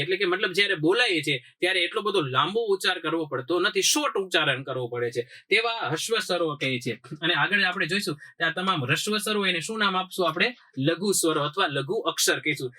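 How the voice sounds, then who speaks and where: A man teaches an exam-prep grammar lesson in a very bright, ringing voice. He sits a little high in pitch and quizzes his class again and again, answering each question himself and checking that they follow. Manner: drills with repeated questions and answers; keeps checking understanding.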